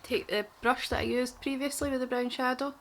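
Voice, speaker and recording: A woman's voice: high-pitched, steady tone, a little fast, a little hiss or hum. A young woman with a broad, strong Glaswegian Scottish accent, chatting casually and self-deprecatingly to camera in an informal, rambling makeup tutorial. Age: young adult. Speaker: beauty vlogger.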